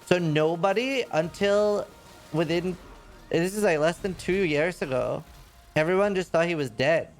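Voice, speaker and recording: Chatty man, slightly high. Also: a little slow, faint music behind. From Norway. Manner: rambling, chatty, with many fillers and restarts. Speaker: streamer. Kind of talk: casual chat while streaming a game.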